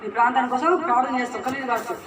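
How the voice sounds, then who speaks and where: Rich: A very high-pitched man preaches quickly in a roomy church hall. He drives his sermon with rhetorical questions and repetition. The recording is distant, echoey and noisy. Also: steady tone, crowd noise. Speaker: pastor.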